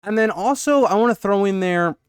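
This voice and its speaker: A young YouTube channel host with a high, clear, resonant voice talks briskly in a dry recording with clean studio sound. Out of breath after a workout, he gives a loose, rambling channel update full of "um" and "kind of."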